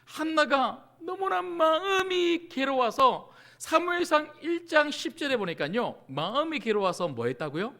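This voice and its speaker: A middle-aged male pastor delivers a sermon in a high, bright, sharp-edged, gravelly voice, his pitch jumping and dipping with animated energy. Unhurried yet with hardly any pauses, he fires rhetorical questions at his congregation and acts out desperate pleas. He swings from loud cries down to hushed near-whispers.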